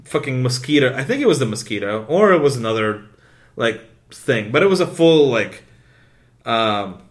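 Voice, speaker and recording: A male podcast co-host with a mid-range pitch chats loosely and excitably, rambling, tossing in quick asides, and swearing constantly. English is not his native language.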